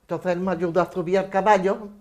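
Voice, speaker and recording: An elderly woman giving documentary testimony, telling a long personal story in a steady, measured way. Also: on the low side. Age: 80s or older.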